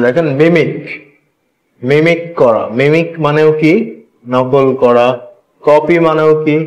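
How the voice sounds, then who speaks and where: Slow, drilling male English teacher. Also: on the high side, darkish tone. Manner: slow, deliberate, repeats each letter for learners. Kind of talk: classroom lesson, call-and-response drilling. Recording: echoey room.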